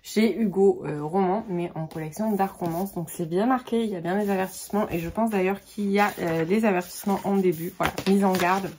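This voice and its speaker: A woman's voice: mid-range voice, fairly even intonation, a little fast, few pauses, darkish tone, slight background noise. A woman book vlogger chatting casually about her reading, talkative with many fillers and restarts. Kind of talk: casual chat about books.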